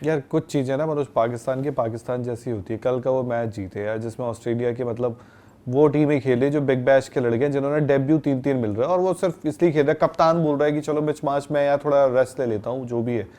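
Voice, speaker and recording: A man's voice: mid-range voice, quick pace, warm tone. A man co-hosting a cricket talk show, mocking and scornful in casual panel chat.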